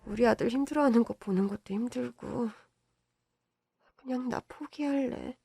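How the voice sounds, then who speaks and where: A woman's voice: a little high, normal speed, vocal fry, dark tone, slightly rough, no room sound, voice pushed up. A voice actor playing a loving, stubborn middle-aged mother who plays down her own troubles. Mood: weary.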